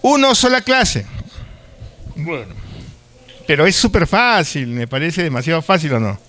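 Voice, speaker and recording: A man's voice: fairly high pitch, sing-song, measured pace, a bit bright. A man from Peru with a Lima accent, giving a live university lecture in a chatty way, often checking in with his students and sometimes stumbling and restarting words. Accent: Lima Peruvian Spanish. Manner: conversational, asks the class frequent tag questions; occasional stutters and restarts.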